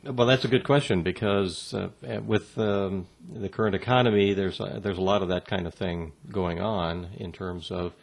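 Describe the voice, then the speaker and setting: Man, guest in an interview, low-pitched, measured delivery full of pauses and restarts. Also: steady tone, creaky. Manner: measured, halting, many fillers and restarts. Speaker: interview guest on workplace communication. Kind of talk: answering interview questions.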